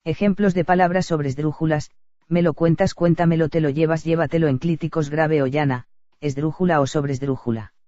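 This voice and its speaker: A man reading a grammar lesson aloud in a steady, even lecture delivery. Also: a little high, fairly quick, no room sound. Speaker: teacher. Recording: dull lo-fi dry recording.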